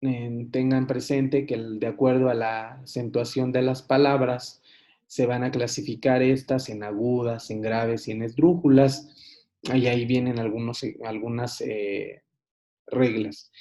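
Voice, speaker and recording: A man giving a recorded online lesson, unhurried, with frequent hesitations and restarts. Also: mid-range voice, level tone, mellow. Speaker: teacher. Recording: dull lo-fi recording.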